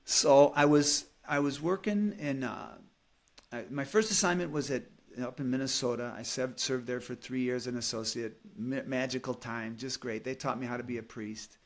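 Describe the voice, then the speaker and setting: Gravelly, animated storytelling priest. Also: male voice, mid-range voice, normal speed. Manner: animated storyteller, acts out quotes. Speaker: podcast guest, Franciscan priest. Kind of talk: casual storytelling chat.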